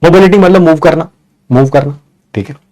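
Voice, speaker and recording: A man telling a funny childhood story to students in a lively way, checking in with the listeners often. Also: fairly high pitch, brisk. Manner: lively, addresses listeners with "bhai sahab" and "hai na". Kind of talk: animated storytelling.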